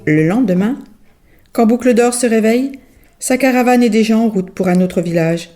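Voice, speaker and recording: A woman storyteller reading a children's story aloud in an expressive, sing-song manner. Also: fairly high pitch, normal speed, soft background music.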